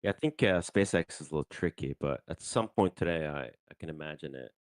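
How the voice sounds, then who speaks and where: A man's voice: very deep voice, animated, a little fast, no echo. A man hosting a live trading stream, talking casually through his trades with fillers and the odd swear, holding his mic in his hand. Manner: loose and conversational, with fillers and mild swearing. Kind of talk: casual live market commentary. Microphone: handheld microphone.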